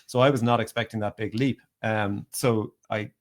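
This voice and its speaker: A man's voice: fairly low pitch, fairly even intonation, normal speed. A man co-hosting a podcast who argues skeptically and thoughtfully and often laughs mid-sentence. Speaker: podcast co-host. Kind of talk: casual podcast debate.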